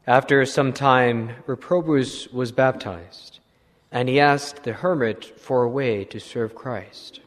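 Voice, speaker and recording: A man, a priest, telling a saint's story in a slow, measured sermon. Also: medium pitch. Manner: slow, measured retelling with clearing of throat. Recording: long hall reverb.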